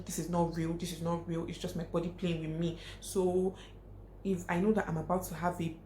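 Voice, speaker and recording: A woman's voice: on the low side, darkish tone. A young woman vlogger giving frank, emphatic advice to her viewers, repeating her points for stress. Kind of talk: casual advice talk to camera. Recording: echoey room, faint hiss.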